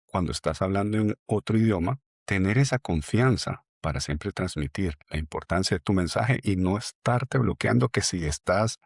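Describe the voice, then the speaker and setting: A man hosting an interview podcast, asking reflective, measured questions. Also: sits low, animated, gravelly, slightly rough, no room sound, studio quality. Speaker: podcast host.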